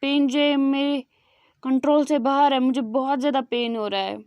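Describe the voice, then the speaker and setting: A woman's voice: high voice, steady tone, normal speed, dry recording, dull audio, natural voice. A woman voicing a grief-stricken young man. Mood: grieving. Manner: pleading, broken speech. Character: grieving young man, guilt-ridden and weeping.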